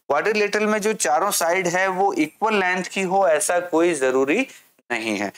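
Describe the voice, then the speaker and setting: A man explains a maths lesson to a class, asking questions and then answering them himself. His voice sits high and a bit bright, and he reads things out slowly in English.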